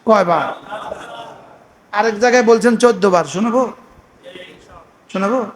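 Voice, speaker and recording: A man preaching a sermon, firing repeated questions at his listeners and reciting Arabic prayers slowly. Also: sits high. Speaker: Islamic preacher.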